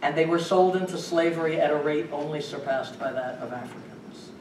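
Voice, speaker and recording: A man's voice: a little high, fairly quick, recorded from a distance. A man giving a public lecture to an audience in a room, speaking emphatically and asking the audience rhetorical questions. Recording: echoey room recorded from afar, faint noise.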